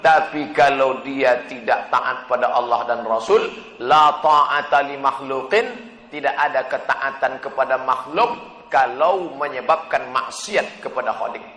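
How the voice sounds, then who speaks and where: A male preacher gives an animated, joking sermon, acting out voices and chanting verses. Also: medium pitch, unhurried. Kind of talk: humorous sermon with Q&A. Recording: echoey hall.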